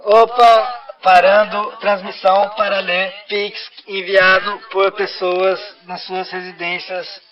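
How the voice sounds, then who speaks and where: A man's voice: high-pitched, little pitch movement, takes it slowly, dull audio. A Brazilian man co-hosting a podcast with a half-robotic voice filter, teasing and reading out donations as a programmed machine. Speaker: podcast co-host. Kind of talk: casual banter and reading donations. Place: podcast studio.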